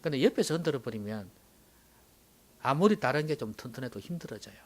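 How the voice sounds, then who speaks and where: Dramatic, lively male preacher. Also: mid-range voice, brisk. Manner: dramatic, swings from loud exclamations to hushed whispers. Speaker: pastor. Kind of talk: sermon.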